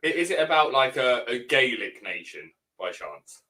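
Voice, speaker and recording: Animated, bright-voiced man trading banter. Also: medium pitch, normal speed. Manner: teasing, wry. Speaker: podcast co-host. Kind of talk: casual banter.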